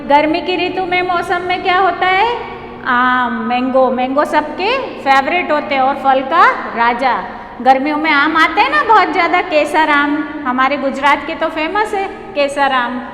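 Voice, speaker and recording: Woman, primary teacher, patient, slow and sing-song, faint background hum, roomy echo. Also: high voice, a bit bright. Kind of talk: online class lesson, teaching a poem. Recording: echoey room with long reverb, faint hum.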